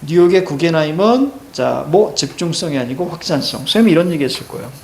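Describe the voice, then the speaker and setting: A man's voice: fairly high pitch, animated, fairly quick, a little hiss or hum. A man teaching a Korean reading class, walking students through a text and checking their understanding with short prompts. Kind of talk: classroom lecture.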